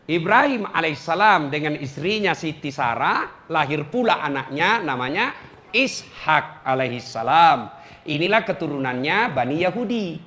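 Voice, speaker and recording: Man preacher, middle-aged, humorous sermon, animated storytelling, slightly high voice. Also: moderate pace. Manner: animated storytelling, joking with the audience.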